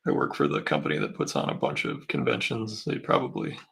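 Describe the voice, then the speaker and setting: A man's voice: fairly low pitch, big pitch swings, brisk, gravelly, a bit bright. A man hosting a live painting stream, casually explaining each step as he works and answering questions from chat. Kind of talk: casual livestream painting demo.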